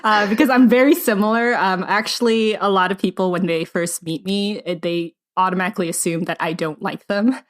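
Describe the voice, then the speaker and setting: A woman's voice: medium pitch, steady tone, a little fast, few pauses. A woman hosting a book podcast, asking questions in a chatty way with many fillers and ready laughs. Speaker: podcast host. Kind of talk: casual interview chat.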